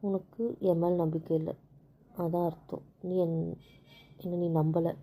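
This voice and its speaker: A woman talking with her husband in a casual couple conversation, explaining things patiently and calmly. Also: lowish voice, a little slow, breathy edge. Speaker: wife.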